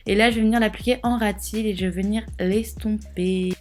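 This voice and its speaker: A woman's voice: mid-range voice, steady tone, fairly quick, darkish tone. A young woman casually narrating a makeup tutorial, rambling with lots of fillers and joking asides. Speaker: beauty vlogger.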